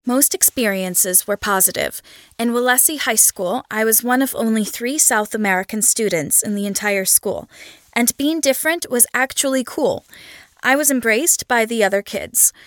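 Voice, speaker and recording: A woman reading the answers of a scripted interview in a steady, even way. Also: on the high side, no echo, studio quality.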